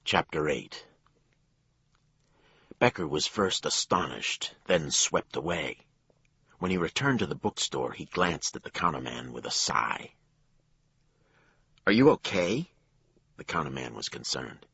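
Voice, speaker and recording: A man narrating a crime thriller audiobook in a measured storytelling voice. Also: lively intonation, gravelly, sharp tone, slightly rough, no echo, muffled recording. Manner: low, measured storytelling with acted dialogue.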